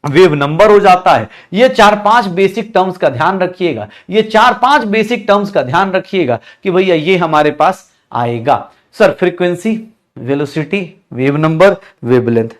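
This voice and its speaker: Male online teacher with a high voice, repeats questions aloud and answers them himself, blends English science terms into Hindi. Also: expressive, moderate pace, hardly any pauses. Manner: calls students beta and bhaiya. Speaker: chemistry teacher. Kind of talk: online lecture.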